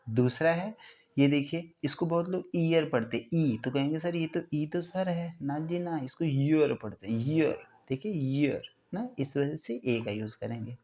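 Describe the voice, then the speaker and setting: A man teaching an English grammar lesson step by step, often asking his students whether it is clear and drawing out sounds slowly to show pronunciation. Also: on the high side, dark tone, muffled recording.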